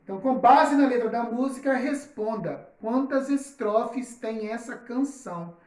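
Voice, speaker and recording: Slow, patient woman teacher in a roomy space. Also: a little high, a little mellow. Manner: slow, deliberate, spells out example words and checks understanding often. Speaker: primary school teacher. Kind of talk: recorded online lesson. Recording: roomy, echoey recording.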